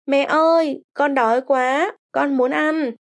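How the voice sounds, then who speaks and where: A woman's voice: fairly high pitch, moderate pace, a little mellow, close to an everyday voice. Eager young granddaughter, as a woman reads her.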